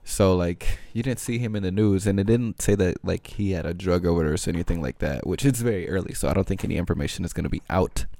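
A man's voice: sits low, fast, creaky, few pauses, mellow, no room sound. A man hosting his own podcast, rambling in loose, slangy casual chat with lots of filler words. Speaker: podcast host.

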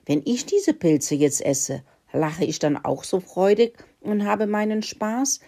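A woman's voice: medium pitch, lively intonation, slow pace, mellow. A woman voicing a good-natured, naive male pig in a children's story, talking with grunts. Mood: curious.

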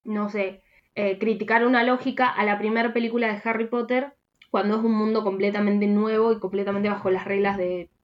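A woman's voice: medium pitch, little pitch movement, brisk, highs cut off. Chatty Rioplatense woman podcaster. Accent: Rioplatense Spanish. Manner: rambling, restarts, trails off into soft asides. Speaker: podcast co-host. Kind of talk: casual chat.

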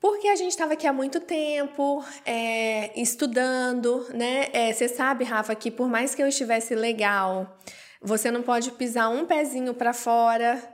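A woman with a Brazilian Portuguese accent, telling a personal story as an interview guest and acting out the voices she quotes. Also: unhurried. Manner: animated, acts out quoted voices with jumps in pitch.

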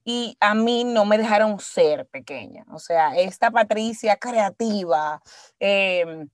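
In studio-quality audio with no room sound, a woman from the Dominican Republic tells personal stories in a casual conversational interview. She speaks slowly in a mid-range voice with lively intonation and a Dominican Spanish accent, reflective and emphatic, mixing English words into her Spanish and checking that her listener agrees.

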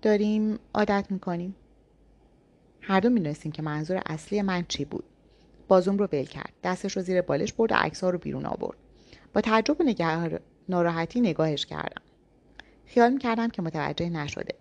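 A woman reading a novel aloud in the first person, with even, intimate storytelling. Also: fairly low pitch, gravelly, highs cut off. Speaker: audiobook narrator.

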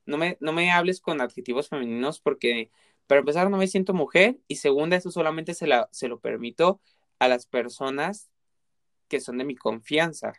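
Earnest Mexican man, smooth higher voice. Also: normal speed, a bit bright, no room sound, clean studio sound. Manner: earnest, explains at length with many examples. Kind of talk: casual chat.

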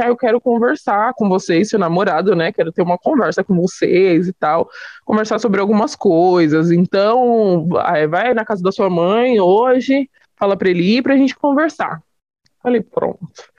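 Young woman telling her story all lively, dull lo-fi sound. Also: mid-range voice, normal speed, no room sound. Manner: lively, acts out quoted voices with laughter. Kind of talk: personal storytelling.

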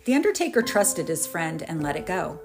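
A woman with a fairly low voice narrates a story with wry, dramatic timing. Clear music plays under her narration throughout. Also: very animated, fairly quick. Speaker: podcast host.

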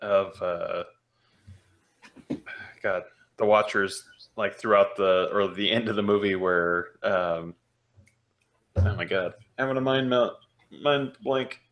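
A podcast co-host speaks in a fairly low voice at a slow pace with long pauses, over dull audio. He chats casually and tells stories with laughter and animation.

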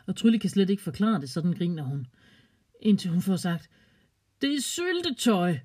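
A storyteller narrating a children's story in a calm, gently expressive way. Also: medium pitch, slightly rough.

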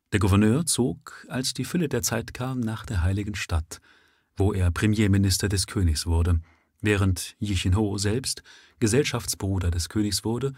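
A man reads a story aloud live, taking the text at first sight in a steady storytelling manner. His voice is fairly low with a husky grain, and the sound is dry and close. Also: dry recording. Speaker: reader of a story. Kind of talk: live audiobook reading, read at first sight.

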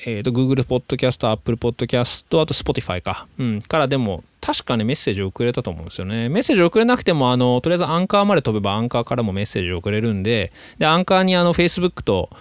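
A man hosting a podcast, talking in a chatty, animated way with drawn-out fillers. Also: medium pitch, smooth, no echo. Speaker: podcast host. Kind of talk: casual podcast monologue. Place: lives in Sydney.

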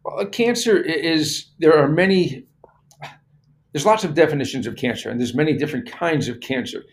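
A man's voice: a little high, normal speed. A man speaking as an expert interview guest, explaining things step by step in plain words with emphatic repetition.

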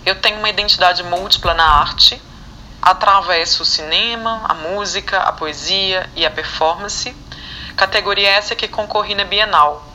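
A young adult woman from Minas Gerais, Brazil, an artist speaking as a podcast guest in a calm, deliberate way. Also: on the low side, a little hiss or hum, rough recording. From Belo Horizonte, Minas Gerais, Brazil. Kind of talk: prepared self-introduction.

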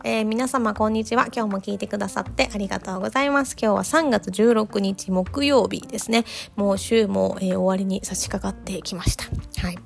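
A Japanese woman hosting a casual bilingual podcast, talking with many fillers and reading her English lines slowly and carefully. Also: mid-range voice, fairly even intonation, vocal fry, soft background music. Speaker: podcast host. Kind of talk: bilingual language-learning podcast. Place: home in Australia.

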